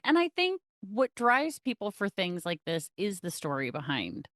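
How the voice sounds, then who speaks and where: A woman's voice: medium pitch, huge pitch swings, normal speed, fairly bright tone, no room sound, studio quality. A woman hosting an interview, enthusiastic and asking long, rambling questions. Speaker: podcast host. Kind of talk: interview conversation.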